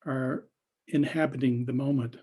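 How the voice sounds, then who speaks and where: A husky-voiced man, speaking as a teacher, leads an unscripted guided meditation. His delivery is halting, full of long pauses and trailing phrases. His voice sits in the mid-range, with a steady, mellow tone.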